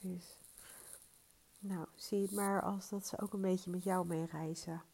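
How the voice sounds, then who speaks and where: A woman guiding a breathing and body relaxation session in a soothing, gently instructing manner, drawing out some words. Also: fairly low pitch, level tone, a little slow, vocal fry, slightly rough. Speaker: guided relaxation host.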